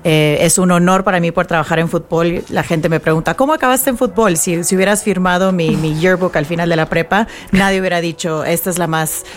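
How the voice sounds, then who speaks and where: Mexican woman guest on a radio show, lowish voice, lots of ums, soft music under. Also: fairly quick, few pauses. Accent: Mexican Spanish. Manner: thoughtful, many fillers and restarts. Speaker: guest, nonprofit executive director. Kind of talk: radio interview.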